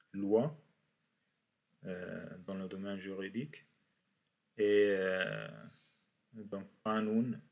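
A man teaching a beginners' class in French, slowly repeating each word for his students. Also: lowish voice, a little mellow. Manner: slow, repeats words for learners. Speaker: Arabic teacher. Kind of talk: university language lesson.

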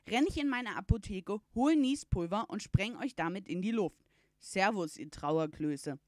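A woman's voice: fairly low pitch, expressive, moderate pace, no room sound, studio quality. A woman reading a cheeky jovial uncle. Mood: cheerful teasing. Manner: playful, teasing, exclaiming. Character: cheeky jovial uncle, a pharmacist, middle-aged man.

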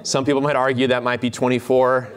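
A man's voice: medium pitch, little pitch movement, fast, a crowd in the background. A man giving a keynote lecture on a hall stage, chatty and jokey, with many fillers and restarts. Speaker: keynote speaker, instructor.

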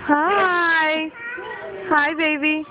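A woman's voice: high voice, fairly even intonation, drawn-out words, narrow, tinny audio, noisy background. A woman cheering on a child, heard as old VHS home-video sound. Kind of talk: casual cheering from the side.

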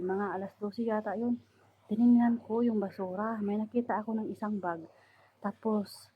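A woman's voice: mid-range voice, a little hiss or hum. Chatty woman vlogger, tinny phone sound. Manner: chatty, many fillers, showing items to camera. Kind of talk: casual vlog. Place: indoors, room of a household abroad.

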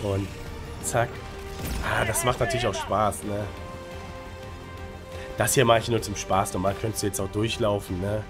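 A man with a lowish, fairly flat voice and a slight cold gives casual gameplay tips at a moderate pace, pausing often. He's a gaming guide creator and streamer who talks colloquially, using English gaming slang and frequent tag questions, with music under his commentary.

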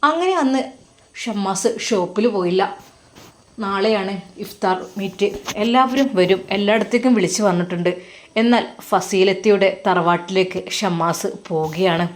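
A woman with a Malappuram Malayalam accent narrating an Islamic family story in a lively, dramatic way. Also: mid-range voice, moderate pace.

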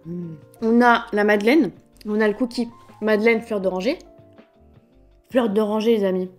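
A woman's voice: medium pitch, fairly even intonation, moderate pace, faint music behind. A woman vlogging casually to a phone camera, chatty and slangy, with a blocked nose and congested throat. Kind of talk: casual vlog chat.

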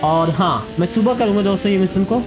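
Man, casual gameplay commentator, chatty with viewers; high voice, noisy game audio underneath. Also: brisk. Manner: chatty, addresses viewers as friends. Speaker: gaming YouTuber. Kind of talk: casual let's-play commentary.

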